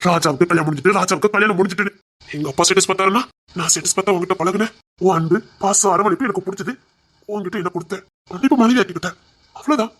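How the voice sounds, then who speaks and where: A woman's voice: mid-range voice, very fast, natural voice. A woman voicing a drunk, possessive young husband who slurs and insists. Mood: earnest insistent.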